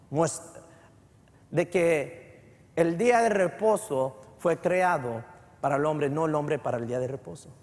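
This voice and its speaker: Man, pastor, bilingual sermon, high voice, long church echo. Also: a little mellow. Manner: mixes English phrases into Spanish; repeats words, builds to fervent emphasis. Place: church sanctuary.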